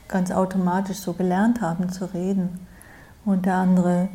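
A woman's voice: fairly low pitch, dark tone, slight background noise. A woman meditation teacher giving a dharma talk, speaking reflectively and often checking in with "ja?". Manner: slow, reflective, with frequent "ja?".

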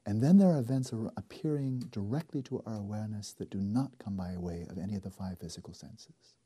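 A man leading a guided meditation as a teacher, speaking slowly and softly with deliberate pauses and a husky edge. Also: fairly low pitch. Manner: slow, soft and deliberate, with long pauses.

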